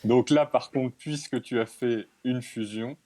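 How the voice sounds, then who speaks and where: A man's voice: medium pitch, a little slow, warm tone. A man acting as game master, explaining a tabletop game in an informal, easygoing way.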